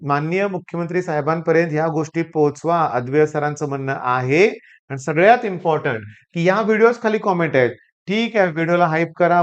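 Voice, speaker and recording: A male teacher with a Marathi accent speaks emphatically to his students, returning again and again to the same catchphrases. His voice is smooth and clear. The recording sounds a little dull. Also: sits high. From Maharashtra. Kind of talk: talking to camera.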